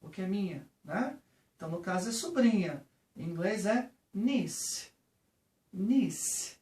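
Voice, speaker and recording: Speaking unhurriedly in a mid-range, darkish voice, a Brazilian Portuguese-accented teacher gives an animated yet patient English vocabulary lesson. She checks in with the viewer frequently, and the distant recording sounds roomy.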